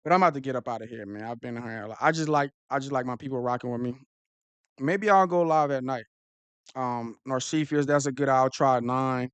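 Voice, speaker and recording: An animated man hosts a casual live stream from home, his pitch sitting in a middle range while his speech rushes along, full of repeats and slang. The sound is dry and close to the mic, with no room behind him. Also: smooth, no room sound, dull audio. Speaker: football streamer host.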